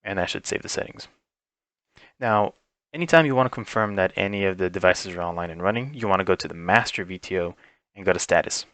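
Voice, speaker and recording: In this casual, off-the-cuff walkthrough, a male tech instructor goes through the software one step at a time and explains every setting. He has a deep voice and moves quickly, and the recording sounds dry.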